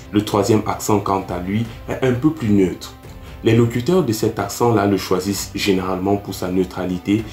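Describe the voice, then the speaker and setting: Deep-voiced man teaching in an echoey room. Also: dark tone. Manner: addresses the viewer directly, explains step by step. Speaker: English teacher, channel host. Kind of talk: scripted explanatory lesson. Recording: echoey room with faint music.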